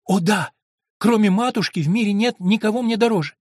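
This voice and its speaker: A man voicing an innocent, trusting young girl in an audiobook, speaking softly and earnestly in a raised voice. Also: sits high, brisk, no room sound, studio quality, voice pushed up. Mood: tender, earnest. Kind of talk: audiobook reading.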